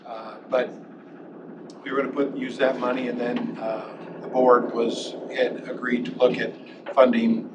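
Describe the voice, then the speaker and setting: A man, a county sheriff, briefing a board with a halting delivery and many restarts. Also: mid-range voice, little pitch movement, highs cut off. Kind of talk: meeting briefing. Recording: distant mic with loud noise.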